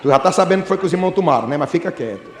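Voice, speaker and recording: A Brazilian Portuguese-speaking male pastor preaching a fiery sermon, swinging between shouts and laughing asides. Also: on the high side, animated, rapid-fire, crowd noise. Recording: echoey church hall.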